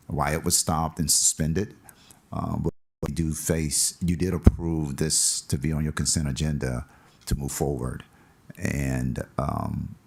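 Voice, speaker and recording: Very deep gravelly man, hesitant and formal. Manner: hesitant, many fillers, formal wording. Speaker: town official addressing the commission. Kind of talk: formal meeting remarks. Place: town commission chamber.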